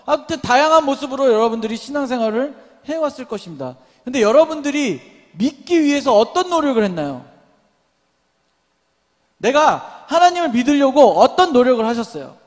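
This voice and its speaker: A man's voice: very high-pitched, big pitch swings, fairly quick, long reverb tail. A young man preaching a sermon to a young adults' service, asking the congregation many questions and calling for amens. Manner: calls for responses and amens. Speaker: pastor. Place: church sanctuary.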